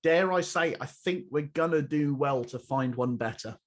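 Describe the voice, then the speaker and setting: A man's voice: on the high side, normal speed. A man, co-hosting a podcast in casual chat, rambling and repeating words as he restarts. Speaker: podcast co-host.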